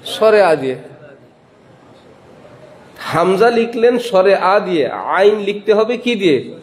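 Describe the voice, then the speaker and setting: A man preaching a religious lecture in a Bangladeshi Bengali accent. He is a madrasa principal who asks his listeners questions, answers them himself and spells out letters and sounds slowly. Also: sits high, sing-song.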